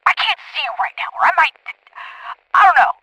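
An actress playing an angry site director who turns sarcastic on a call. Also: female voice, high voice, expressive, a little fast, background noise. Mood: furious.

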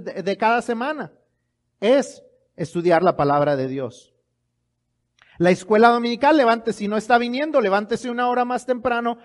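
Male pastor, strikingly high voice, emphatic sermon delivery with rhetorical questions.

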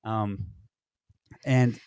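A man's voice: on the low side, fairly even intonation, extremely slow, darkish tone, clean tone, dry recording. A man co-hosting a podcast, telling stories in rambling casual chat full of fillers and restarts. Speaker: podcast co-host. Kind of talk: casual conversation.

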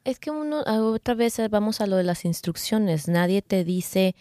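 A woman's voice: mid-range voice, animated, normal speed, warm tone, no room sound, studio quality. A middle-aged Mexican woman co-hosting a casual podcast, chatty, working through a list of tips with asides. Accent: Mexican Spanish. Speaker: podcast co-host.

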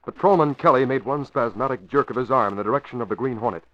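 A man's voice: medium pitch, fast talker. A man giving scripted, dramatic narration in the style of 1930s and 40s radio. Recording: dull old radio, faint noise.

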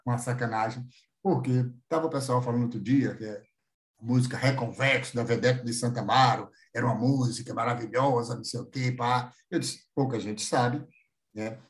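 A man in his fifties chatting as an author guest, irreverent and wry. His voice sits at a middle pitch and he spins stories with a joking edge. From Bahia, Brazil. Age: 50s. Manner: irreverent, joking storyteller who mimics voices. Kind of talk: casual interview chat.

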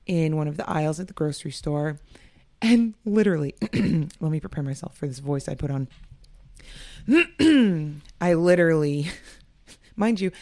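A woman's voice: sits low, creaky, darkish tone, no room sound. A young woman hosting a casual solo podcast, chatty and candid, often laughing and swearing. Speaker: podcast host.

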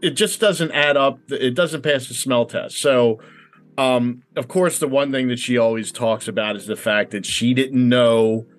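A man's voice: medium pitch, a little slow. A man chatting as a podcast panelist, opinionated and rambling, with frequent hesitations. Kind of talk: casual podcast chat.

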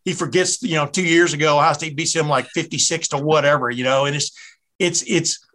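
Southern American male host, bright upper voice, casual rambling interviewer. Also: fairly high pitch, fairly even intonation, a little fast. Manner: rambling, chatty, many restarts. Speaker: podcast host. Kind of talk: casual sports podcast interview.

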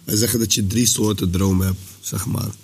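A young male guest at a casual dinner chat, rambling in a relaxed way with lots of slang. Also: on the low side, a little fast, slight background noise.

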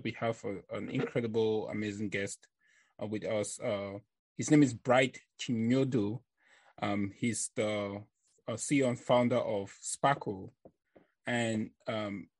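A man hosting a podcast interview, introducing and questioning his guest with many ums and uhs. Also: fairly low pitch. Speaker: podcast host.

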